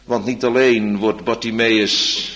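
A man preaching a sermon in solemn, old-fashioned church language, growing loud and impassioned at times. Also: fairly low pitch, steady tone, slow. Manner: impassioned, rising to loud emphatic stretches.

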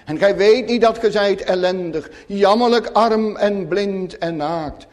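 A man preaching a sermon in a solemn, earnest way with long pauses. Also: high voice, darkish tone.

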